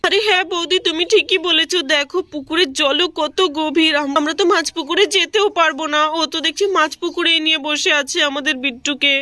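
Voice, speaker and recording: A woman's voice: high-pitched, fairly quick, hardly any pauses, bright, forceful tone, no echo. A woman voicing a helpful sister-in-law in a cartoon who agrees and urges the others on. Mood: agreeable urging.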